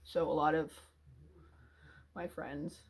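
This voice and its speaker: In a slow, level tone with a breathy edge, a female YouTuber works through a hesitant, emotional confession. Sighs and restarts punctuate her speech, which occasionally slips into a quiet low mumble.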